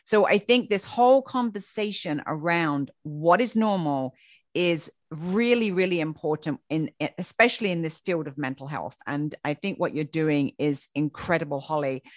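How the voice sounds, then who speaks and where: A woman's voice: low-pitched, moderate pace, no echo, studio quality. A woman hosting a podcast interview, chatty and full of praise, with many fillers. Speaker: podcast host. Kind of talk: casual interview chat.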